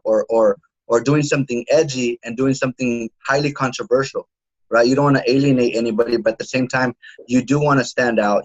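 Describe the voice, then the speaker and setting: A man's voice: mid-range voice, muffled recording. A man in his thirties talking casually as an interview guest, often restarting his sentences and filling with "uh" and "you know". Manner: halting, many restarts and fillers. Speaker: guest, home security salesman.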